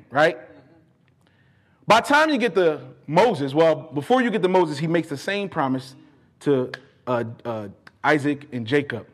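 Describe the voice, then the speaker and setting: A man preaching a sermon, fervent and emphatic, repeating key phrases for weight and moving between quieter earnest asides and raised declarations. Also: a little high, slightly rough. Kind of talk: sermon with scripture exposition.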